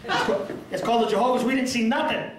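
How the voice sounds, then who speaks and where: A man's voice: very high voice, steady tone, fast talker. A man doing a self-deprecating stand-up comedy set of punchy one-liners in a small restaurant. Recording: echoey room, far from mic, crowd laughing.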